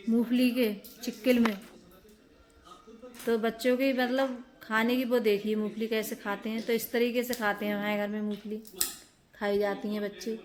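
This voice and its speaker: A young woman narrating her own home vlog in a casual, unhurried way, with lots of filler words. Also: fairly high pitch. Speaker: home vlogger.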